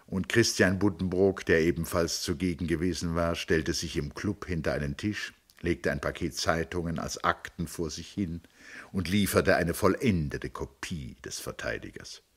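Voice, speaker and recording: A man reading a classic novel aloud in a measured storytelling manner. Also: low voice, husky. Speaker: audiobook reader. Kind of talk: audiobook narration of a classic novel.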